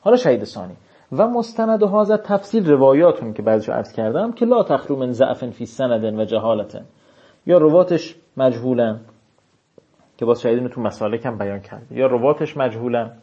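Man, seminary law teacher, dark husky voice, reads text slowly then explains casually, dull lo-fi recording. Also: fairly low pitch. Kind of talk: seminary lecture.

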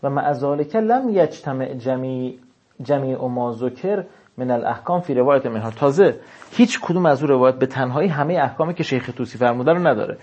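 Man, seminary law teacher, dark husky voice, reads text slowly then explains casually, dull lo-fi recording. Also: medium pitch, animated. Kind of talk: seminary lecture.

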